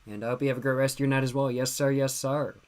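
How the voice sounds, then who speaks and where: Quick and clean-toned, his mid-range voice barely shifts in pitch. He's a man in his twenties hosting a casual livestream, slightly drunk and relaxed, responding to chat with slang and repeated phrases.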